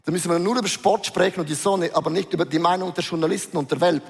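A middle-aged man with a high voice preaches in a large hall, and a long reverb trails after each line. He talks animatedly and acts out inner voices, racing through some phrases and stretching others out slowly. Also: fairly even intonation, vocal fry, husky. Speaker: pastor. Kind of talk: lively sermon.

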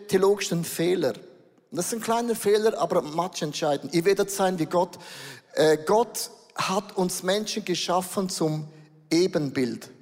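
A high-voiced middle-aged man preaching a sermon to a congregation. He races through asides, then slows right down to lean on single words. His voice rings out with a long reverb tail, as in a church hall. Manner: lively preaching, shifts between quick asides and slow stressed words. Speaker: pastor.

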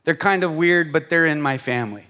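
A middle-aged man preaching a sermon in a church hall, energetic and coaxing his audience, pausing for an interpreter. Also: a little high, clear, resonant tone. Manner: energetic, coaxes the audience, pauses for translation. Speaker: pastor. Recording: long reverb of a large hall.

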